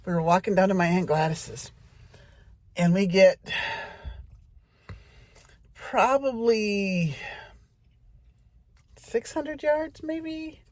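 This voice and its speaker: A woman's voice: medium pitch, lively intonation, extremely slow, pauses often, darkish tone, no room sound. A middle-aged woman telling a rambling personal story in a chatty way, talking straight to her audience.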